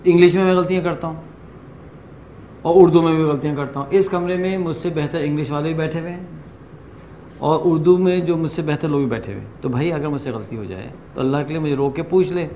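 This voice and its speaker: A middle-aged man from Pakistan leading a workshop, telling stories in an animated way and slipping into English phrases. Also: a little high, a little hiss or hum. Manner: animated storyteller, acts out quoted exchanges, mixes in English. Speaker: workshop trainer. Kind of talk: lively lecture to a class. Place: training room with a group.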